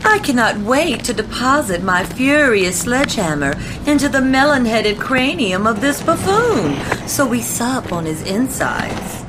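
A woman's voice: a little high, very animated, measured pace, few pauses, background noise. Woman voicing a bloodthirsty posh huntress. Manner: pompous, theatrical.

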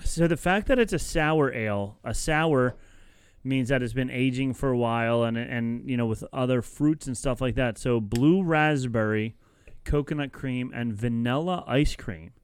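A man's voice: mid-range voice, moderate pace, clean tone. A man co-hosting a casual podcast chat, enthusiastic and explaining things as he goes. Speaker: podcast co-host.

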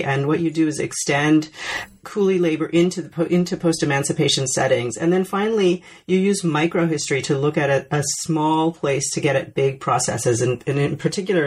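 A woman's voice: sits low, slightly rough, rough recording. Woman hosting an academic book interview. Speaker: podcast host.

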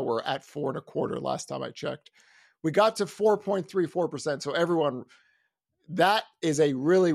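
A man, a lead analyst, talking in a casual podcast chat, animated and exasperated, with loud ranting outbursts. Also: on the high side, gravelly, no echo.

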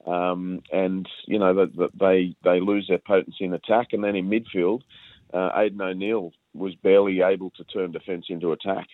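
Aussie football analyst on a tinny phone line, deep voice, halting, lots of ums. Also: male voice, flat delivery, no room sound. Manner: hesitant, lots of uh and um, repeats words. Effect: over the phone. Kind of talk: casual radio phone-in chat.

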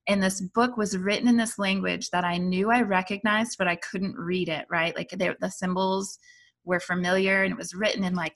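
A woman recounts a personal story in loose, conversational storytelling. Her voice is bright and a little gravelly. She wanders through her sentences with plenty of fillers. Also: on the low side. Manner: animated, rambling with fillers like "like". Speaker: guest telling a spiritual story. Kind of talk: casual storytelling.

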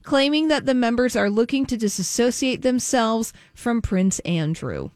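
A woman's voice: a little high, lively intonation, moderate pace, a little mellow, no echo, studio quality. A woman hosting a radio show, reading entertainment news with chatty asides.

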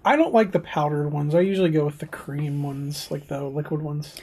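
A woman co-hosting a podcast, chatting casually while taste-testing food, with upbeat reactions and quick asides. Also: low-pitched, dark tone, breathy edge. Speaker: podcast co-host. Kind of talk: casual chat, food tasting.

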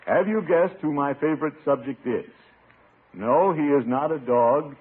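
An actor playing a pompous, soft-hearted middle-aged uncle in a 1950s radio sitcom, with blustery, theatrical delivery. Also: male voice, a little high, measured pace, husky. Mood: reading aloud, softening. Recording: tinny, noisy old radio broadcast.

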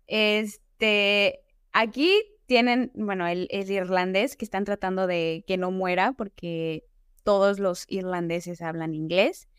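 A woman's voice: on the low side, clean tone, no room sound, clean studio sound. A woman from Mexico with a Mexican accent, a podcast guest talking at length in a casual, chatty way with anecdotes.

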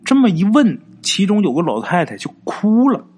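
A man's voice: sits high, sing-song, moderate pace, darkish tone, slightly rough. A man narrating a ghost story in a casual, colloquial way, stretching out particles and fillers.

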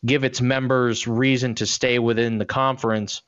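In his thirties and co-hosting a sports podcast, a man delivers blunt, opinionated takes in casual conversation, restarting his sentences often. His medium-pitched voice stays fairly flat at a normal speed, sounding a bit bright and smooth in a dry, muffled recording.

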